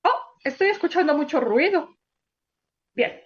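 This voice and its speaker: A woman teacher telling a story to children, animated and exclamatory, asking them questions as she goes. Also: sits high, a little slow, muffled recording.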